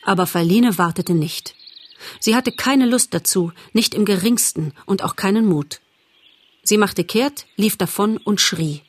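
A woman narrating a children's animal story in a measured, expressive audiobook reading. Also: mid-range voice.

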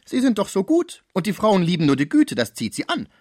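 A man putting on a shrill gossiping concierge woman. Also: wildly swooping pitch, brisk, a little mellow, no room sound, clean studio sound, full character voice. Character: nosy chattering middle-aged female concierge. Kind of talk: radio book reading.

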